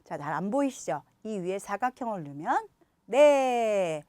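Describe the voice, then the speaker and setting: A woman teaching English pronunciation to parents in a video lesson, stretching out example words slowly between explanations. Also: mid-range voice, big pitch swings, dark tone, no echo, clean studio sound. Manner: slow, drawn-out demonstration words between explanations.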